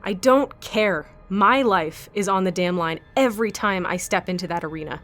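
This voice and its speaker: In this audio drama, an actress plays a hard, bitter woman held captive and forced to fight in an arena, blunt and sardonic, always looking out for herself and demanding answers. Her pitch is average for a woman, her tone slightly bright and close to everyday speech, at normal speed. She sounds angry and bitter, with music playing behind.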